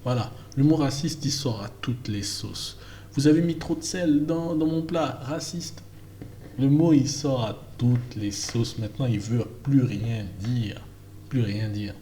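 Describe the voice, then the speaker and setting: A man's voice: mid-range voice, unhurried, dark tone, a little hiss or hum. A man from French Guiana giving an emphatic, casual opinion monologue with many fillers and restarts. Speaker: vlogger.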